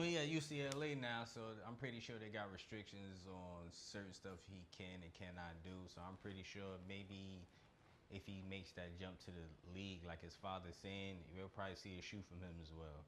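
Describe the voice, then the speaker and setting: A man's voice: sits low, fairly even intonation, moderate pace, a bit bright, slight background noise. A man co-hosting a podcast, chatting about basketball in a laid-back, slangy way and often hedging his views. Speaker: podcast co-host. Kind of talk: casual sports chat.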